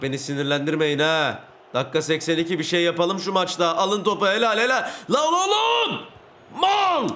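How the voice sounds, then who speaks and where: A young man giving casual commentary on a football video game, getting frustrated, ranting and shouting at big plays. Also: fairly high pitch, slight background noise. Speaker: gaming YouTuber.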